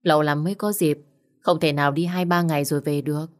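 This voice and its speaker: A woman's voice: sits low, steady tone, fast talker, natural voice. A woman voicing a keen young newlywed husband who talks in an upbeat, decisive way.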